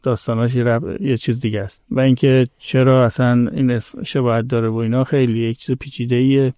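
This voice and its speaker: Male podcast guest, measured explainer, dark relaxed timbre. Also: medium pitch, dry recording, clean studio sound. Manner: measured, explanatory, hedges and corrects himself. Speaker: podcast guest, expert on history. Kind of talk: casual podcast chat.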